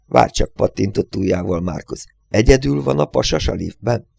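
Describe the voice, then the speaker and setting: A man's voice: on the low side, expressive, creaky, a little mellow, breathy edge, dry recording, clean studio sound, exaggerated voice. A man voicing an eager, blustery male puzzle solver in a storybook reading.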